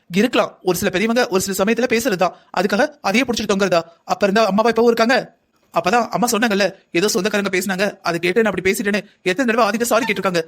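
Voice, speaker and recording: A man's voice: high-pitched, fairly bright tone. A man voicing a family quarrel in a cartoon drama, talking in a heated, argumentative way. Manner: heated, argumentative back-and-forth. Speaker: cartoon voice actor playing a whole family.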